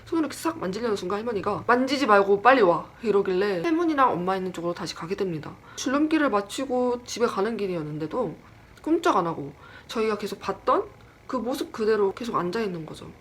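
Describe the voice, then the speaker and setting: A woman's voice: mid-range voice, fast talker, breathy edge. A woman casually telling a personal horror story, chatty and self-deprecating, acting out the voices in what she retells. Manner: lively, acts out quoted lines.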